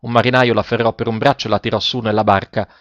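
A man narrating a dramatic story aloud, raising his voice sharply for shouted lines and slowing down for solemn ones. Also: lowish voice, little pitch movement, no room sound. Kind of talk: dramatic audiobook reading. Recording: dull, dry, muffled recording.

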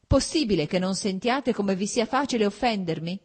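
A woman's voice: medium pitch, expressive, moderate pace, close to an everyday voice. Woman reading proud desperate young wife, defensive, pleading, audiobook. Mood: defiant.

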